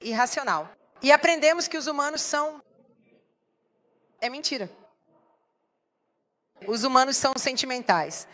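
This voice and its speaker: A woman's voice: sits high, animated, measured pace, pauses often, a bit bright. A woman pastor preaching a sermon, emphatic and putting rhetorical questions to the congregation.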